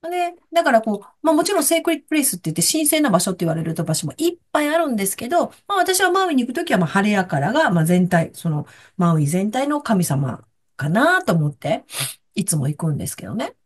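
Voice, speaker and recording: A woman, a guest in a casual chat, telling stories in an animated way and laughing often. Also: a little high, quick pace.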